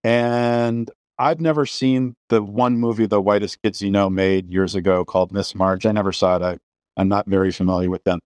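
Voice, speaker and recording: Opinionated man with a low voice. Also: little pitch movement, normal speed, a little mellow, dry recording. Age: middle-aged. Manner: opinionated, many restarts and repeated words. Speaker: podcast host. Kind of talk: casual film discussion.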